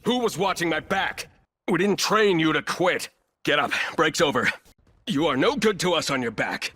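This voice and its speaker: A man voices a ruthless, arrogant military operator in a shooter game, barking clipped, commanding combat callouts with cold contempt. His voice is a little high, animated, and sharp-toned at a moderate pace, and he sounds angry and scolding.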